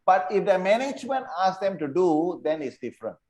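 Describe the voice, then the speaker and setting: Repetitive male trainer, slightly high voice. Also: big pitch swings, fairly quick, darkish tone, rough recording. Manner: repeats key points, checks understanding with listeners. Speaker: insurance trainer. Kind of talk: online training lecture.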